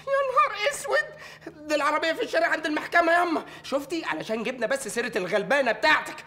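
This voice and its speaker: An actor playing an exasperated young male lawyer who grumbles to his mother with an Egyptian accent, animated and comic. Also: very high-pitched, racing, exaggerated voice. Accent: Egyptian Arabic. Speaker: actor in a TV comedy series.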